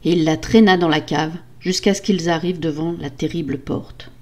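An older woman telling a fairy tale as a storyteller, in steady, dramatic narration. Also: sits low, normal speed. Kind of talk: storybook reading.

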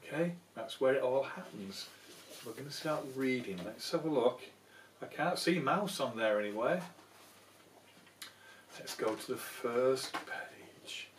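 In a small room at home, a grandfather in his sixties speaks expressively and unhurriedly in a medium-pitched voice while reading a picture book and playfully coaxing his little grandchildren. The camera is a few feet away, leaving the sound a little far off and echoey, with faint hiss or hum.

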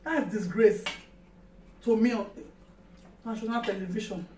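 A woman's voice: mid-range voice, a little slow, mellow. Nigerian woman chatting while eating, roomy sound. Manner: exclaiming, talking between mouthfuls. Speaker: host of an eating show. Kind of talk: casual mukbang eating chat. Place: kitchen or dining room indoors. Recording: roomy, distant mic, faint noise.

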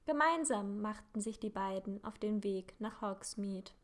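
A woman reading fan fiction aloud in a calm, even storytelling manner. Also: mid-range voice, unhurried.

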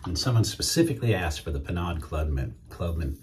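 A man's voice: low voice, animated, a little fast, noisy background. A middle-aged man chatting casually to viewers while shaving at home. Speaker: wet shaving YouTuber. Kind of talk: casual shaving demo chat. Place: home shave room, indoors.

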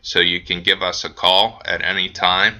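Low-voiced man walking through an auction site. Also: normal speed. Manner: relaxed, with frequent ums and uhs. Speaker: auction house staff giving a website tutorial. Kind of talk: casual screen-recorded walkthrough.

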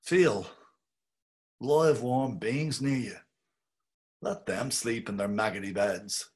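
Reading as the male lead, a middle-aged actor gives a slow, measured inner monologue for a wry, musing Dublin man in a brooding mood. He speaks at medium pitch in a natural, darkish-toned voice, captured by a webcam on a video call.

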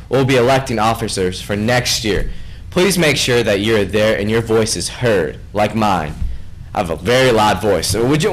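Behind a small studio desk, a young man hosts the school announcements, cracking jokes and waving his hands animatedly as the student news anchor. He speaks at a medium pitch on a rough recording.

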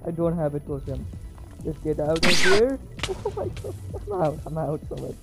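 A man giving excitable live gameplay commentary as a gaming video creator, repeating short shouts and chants. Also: a little high, moderate pace, rough recording. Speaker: gaming YouTuber. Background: background music.

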